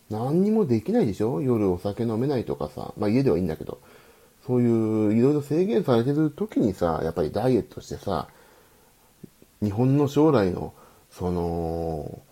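A man's voice: fairly low pitch, warm tone. A man hosting a late-night solo live radio stream, rambling and chatty, reading listener comments aloud and answering them.

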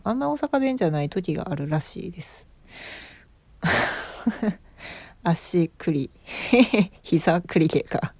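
A woman's voice: lowish voice, a little mellow, dry recording. A woman in her thirties with an Osaka accent, hosting a casual live stream, chatting about listeners' comments and laughing often. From Osaka, Japan. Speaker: livestream host.

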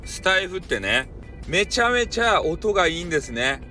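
A man's voice: high voice, very animated, normal speed, sharp tone, soft background music. A man with a Kyushu Japanese accent rambling casually and jokily as a solo broadcaster, using lots of colloquial tags. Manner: colloquial and jokey, with repeated "ne" tags. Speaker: solo audio-app broadcaster.

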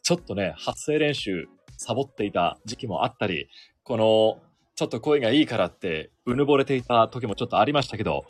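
A man's voice: medium pitch, slightly rough, dry recording. A sports announcer in his thirties hosting a solo podcast, chatting casually and self-deprecatingly about his work. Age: 30s. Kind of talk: casual solo radio-style chat.

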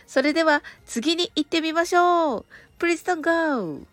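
A woman hosting a relaxed radio show, speaking politely and gently, slowing down for careful English phrases. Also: extremely high pitch, no room sound, soft background music. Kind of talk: relaxed scripted radio talk with English lessons.

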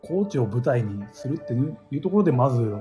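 Laid-back male co-host, mid pitch, swooping intonation, music bed behind. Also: fairly quick. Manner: relaxed, easygoing, quietly joking. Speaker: podcast co-host. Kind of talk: casual chat. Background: background music.

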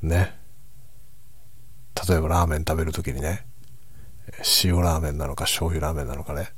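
Hushed, husky, very low-pitched man. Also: steady tone, no echo. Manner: reflective, musing, unhurried soft-spoken delivery. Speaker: host of a late-night chat for falling asleep. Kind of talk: hushed, low-voiced casual late-night chat.

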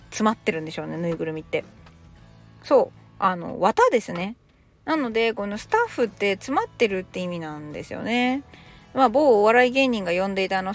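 A woman in her thirties from Japan, giving a chatty podcast English lesson with casual explanations. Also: mid-range voice. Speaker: English teacher.

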